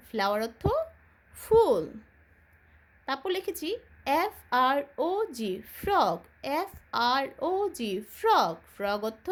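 A woman with a Bangladeshi accent teaching a children's English lesson, spelling words slowly letter by letter and answering her own questions. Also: high-pitched, a bit bright.

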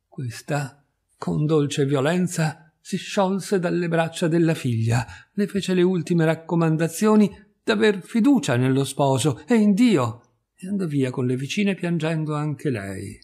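A man reading a literary short story aloud in a measured, expressive audiobook narration. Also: on the high side, creaky. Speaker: audiobook reader.

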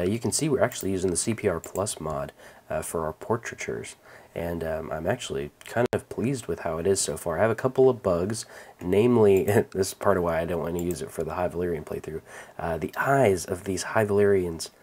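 A man hosting a let's-play, calmly talking through his moves with many ums and restarts. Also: deep voice, normal speed, husky. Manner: relaxed, rambling, many fillers and restarts. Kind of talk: casual gameplay commentary.

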